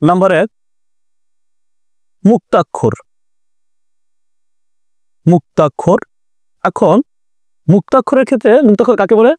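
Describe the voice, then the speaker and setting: High-voiced man teaching grammar. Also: lively intonation, a little mellow, no room sound. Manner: repetitive, explanatory, drawn-out emphasis. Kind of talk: online grammar lesson.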